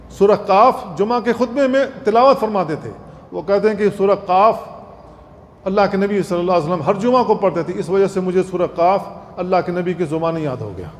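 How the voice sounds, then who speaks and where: A male Islamic scholar giving an earnest religious lecture, repeating points and slowly demonstrating recitation. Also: high-pitched. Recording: long hall reverb, faint noise.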